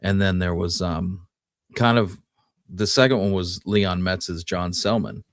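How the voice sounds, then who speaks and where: Speaking at a measured pace with fairly even intonation, a deep-voiced man co-hosts a history show on the West. His explanations are informal and conversational, and there's no room sound.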